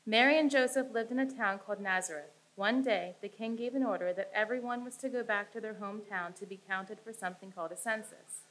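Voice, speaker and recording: A woman's voice: medium pitch, fairly quick, a bit bright, poor audio. Woman reading an Advent passage. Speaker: Advent reader. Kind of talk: reading aloud in church. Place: church sanctuary stage.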